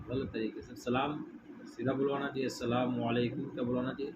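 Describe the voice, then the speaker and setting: A middle-aged man, teaching a religious lesson in a hall. He keeps asking his listeners questions and has them repeat phrases back. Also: medium pitch. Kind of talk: religious lesson with call-and-response. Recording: muffled with steady background noise.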